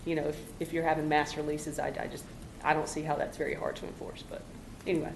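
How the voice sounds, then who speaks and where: Woman at the podium: low pitch, earnest, halting delivery, roomy chamber recording. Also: level tone, creaky, a little mellow. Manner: earnest, halting, many "you know" fillers. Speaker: public commenter at a city council meeting. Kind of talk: public comment speech. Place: city council chamber. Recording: echoey council chamber recording, faint hum.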